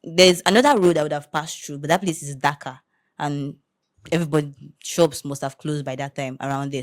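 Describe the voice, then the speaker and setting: A young Nigerian woman co-hosting a podcast, telling personal stories in an animated way and slipping into pidgin. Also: sits low. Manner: animated storytelling, mixes in pidgin. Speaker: podcast co-host. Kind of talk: casual chat.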